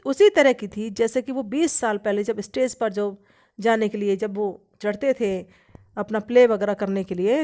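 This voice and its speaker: A woman's voice: fairly high pitch, a little mellow. A woman teacher, reading a story line by line and explaining each part in Hindi. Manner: reads English lines slowly, then explains in Hindi. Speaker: English teacher.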